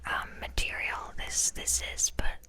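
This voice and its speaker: A young woman whispering slowly and softly while showing objects in an ASMR video. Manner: slow, soft whisper. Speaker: ASMR co-host.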